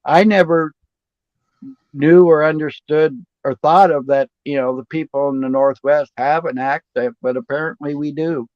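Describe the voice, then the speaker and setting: A man's voice: fairly high pitch, steady tone, moderate pace, no room sound, dull audio. A man from Seattle hosting a casual chat, with a laid-back, chatty way of talking. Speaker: host.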